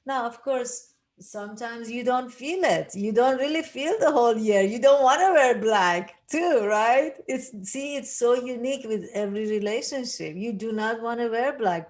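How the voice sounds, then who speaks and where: An older woman from Iran leading a grief workshop, speaking earnestly with many restarts and rhetorical asides. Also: medium pitch. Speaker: workshop facilitator. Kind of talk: reflective teaching talk.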